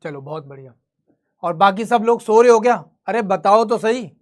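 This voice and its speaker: A man's voice: sits high, expressive, moderate pace. Man teaching a live class. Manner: conversational, quizzing students and answering his own questions. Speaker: history teacher. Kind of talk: live online class lecture.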